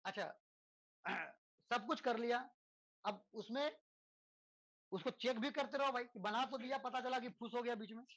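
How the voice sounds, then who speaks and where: A man's voice: extremely high pitch, moderate pace, pauses often, fairly bright tone, low-quality recording. A man teaching a physics lesson to students in a conversational lecture style, constantly checking in with tag questions and using rhetorical questions and everyday examples. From India.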